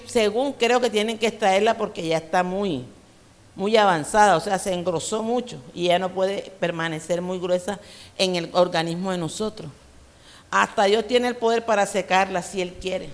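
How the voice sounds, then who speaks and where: A woman preacher from Colombia with a coastal Colombian accent, giving an emphatic, conversational sermon full of personal stories. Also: medium pitch. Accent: Colombian Caribbean coast. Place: church hall. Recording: reverberant church hall.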